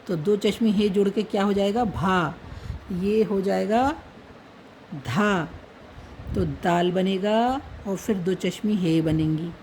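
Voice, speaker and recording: A woman's voice: medium pitch, a little mellow, a little hiss or hum, poor audio. A woman teaching how to write Urdu letters, patiently naming each letter and dot as she writes. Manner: patient, repeats letter names while writing. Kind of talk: slow step-by-step writing lesson.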